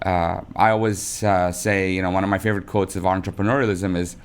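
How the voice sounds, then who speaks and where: Halting man asking rambling questions. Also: sits low, steady tone, clean tone. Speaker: host. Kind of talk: interview questions.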